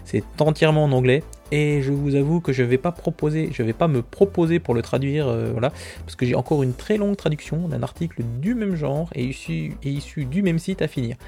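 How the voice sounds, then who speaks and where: A man's voice: fairly high pitch, brisk, gravelly, warm tone, soft background music. A man hosting a podcast, running through a casual news roundup with chatty, self-mocking asides and frequent fillers. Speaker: podcast host.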